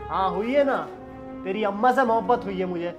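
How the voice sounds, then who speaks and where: A man's voice: sits high, fairly quick, lo-fi sound, close to an everyday voice. A man playing a foul-mouthed hot-tempered cop. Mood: angry. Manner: crude, insulting and bossy. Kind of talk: comedy skit acting. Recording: clear background music.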